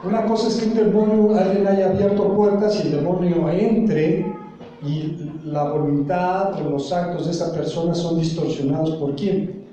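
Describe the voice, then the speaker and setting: A man's voice: high voice, steady tone, moderate pace, warm tone, distant mic, slight background noise. A man preaching a sermon as a pastor, often asking the congregation questions and leaving blanks for them to fill. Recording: very echoey room, voice from off the mic.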